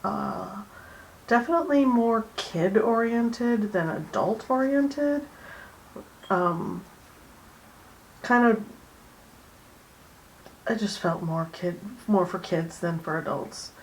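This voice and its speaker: A woman hosting a drawing session at her home art desk, chatting casually and going soft and hushed when she concentrates. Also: medium pitch, animated, slow pace, pauses often, a little hiss or hum, poor audio. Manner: soft-spoken, drifting into near-whispers while concentrating; chatty and easygoing, with fillers and small laughs. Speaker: art channel host. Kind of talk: casual drawing tutorial chat.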